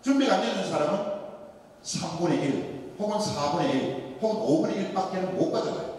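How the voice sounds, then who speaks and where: This priest, a man from Daegu with the local dialect, has a voice that sits high and a brisk delivery. Joking and animated, he tells stories and poses rhetorical questions during a Lenten sermon, and the far-off mic catches the long reverb of a big church hall.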